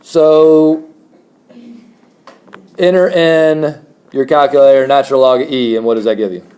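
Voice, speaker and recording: Male math teacher, mid-pitched, chatty classroom lecture with jokes. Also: steady tone, a little slow, warm tone. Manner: chatty, jokey with students.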